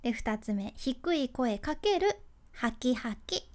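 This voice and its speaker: Slow and sing-song, with a slightly high pitch, a woman talks casually on her own about speaking tips. She's a freelance announcer and podcast host with a Hakata-ben (Kyushu) accent who chats freely, laughs frequently, and switches between polite speech and dialect.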